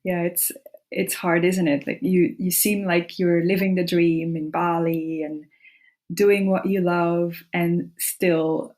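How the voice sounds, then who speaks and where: A woman hosting a podcast and interviewing a guest, friendly and quick to agree. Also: fairly low pitch, level tone, darkish tone. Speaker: podcast host.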